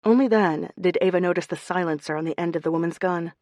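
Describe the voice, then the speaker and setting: Low-voiced woman narrating a mystery. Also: fast talker, darkish tone, no room sound, studio quality. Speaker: audiobook narrator. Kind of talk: scripted narration.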